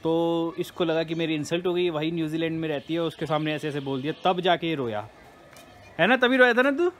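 A man's voice: a little high, fairly quick. A young man chatting casually to his viewers in a vlog, talking straight to the camera and teasing the people around him. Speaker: vlogger.

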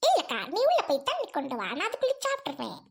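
A woman's voice: very high voice, huge pitch swings, racing, creaky, exaggerated voice. A woman voicing a greedy, gluttonous, rude woman guest in a Tamil cartoon, speaking with a Trichy accent. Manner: squealing, gobbling, demanding. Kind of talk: cartoon voice acting.

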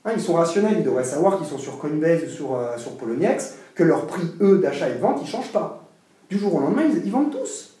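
A man giving a seminar lecture in an animated, emphatic way, with frequent restarts and asides. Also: a little high, fairly quick. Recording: echoey room, mic far off.

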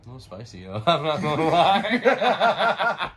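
A man's voice: on the high side, huge pitch swings, measured pace, fairly bright tone. A young man laughing while he talks, in a laid-back, slangy casual chat about tasting spicy snacks. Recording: noisy room ambience.

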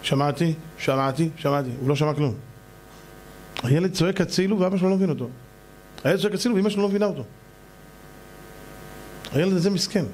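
Animated rabbi preaching, slightly high voice. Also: male voice, pauses often, a little hiss or hum. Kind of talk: sermon.

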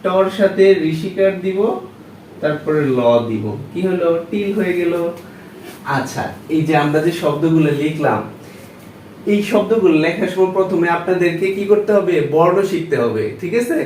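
A man teaches a class in a patient, step-by-step way, asking quiz-like questions after each step. His voice sits a little high. He sounds far from the microphone in a strongly echoing room with faint noise. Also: moderate pace, darkish tone. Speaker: shorthand teacher. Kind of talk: classroom lesson. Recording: echoey room, voice far from mic.

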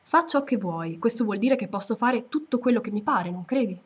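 A woman's voice: fairly high pitch, lively intonation, brisk, husky. A woman voicing an earnest young boy in a read-aloud story, asking eager questions.

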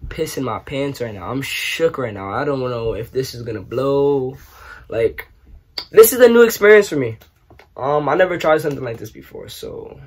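A young man from New York, raised partly in Trinidad, answering questions in a casual vlog, animated and joking with lots of slang. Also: fairly high pitch, breathy edge. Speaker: YouTuber. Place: small bedroom, indoors.

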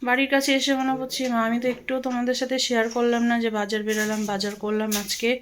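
A woman's voice: a little high, level tone, a little hiss or hum. A middle-aged woman from Bengal chatting casually in her home vlog, loose and rambling, a little out of breath. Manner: chatty, loose, with fillers and pauses. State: out of breath after walking. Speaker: vlogger.

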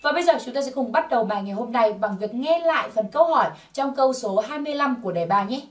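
A woman teaching an English test-prep lesson, slowly drilling English words for learners to repeat. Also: fairly high pitch, animated, far from the mic. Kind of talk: scripted language lesson.

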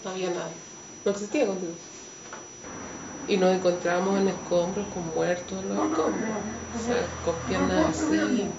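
A woman's voice: mid-range voice, moderate pace, long pauses, crowd noise. Chilean woman telling a vivid story. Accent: Chilean Spanish. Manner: emotional, vivid storytelling that acts out the voices of others. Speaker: interviewee. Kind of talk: personal testimony. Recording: roomy, distant mic, muffled, with steady background noise.

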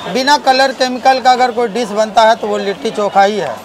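A man's voice: sits high, fairly even intonation, normal speed. A man, a street food shop owner, speaking through a face mask and earnestly explaining his food at an outdoor stall. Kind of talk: interview answers at his stall. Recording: outdoor market crowd noise. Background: crowd and traffic.

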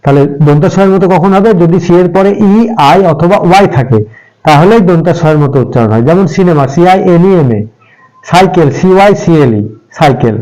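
A man with a slightly high voice walks children through letter sounds. He speaks patiently and spells out each example word letter by letter, then repeats it. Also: a little fast, dark tone, rough recording. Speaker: English pronunciation teacher. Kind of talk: step-by-step spoken lesson for children.

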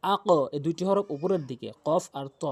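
A patient male Quran teacher with a slightly high-pitched voice. He spells out each letter and vowel mark slowly and repeats the syllables several times. His explanations are simple and reassuring. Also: mellow. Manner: slow, repetitive spelling-out of letters and sounds. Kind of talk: recorded teaching lesson.

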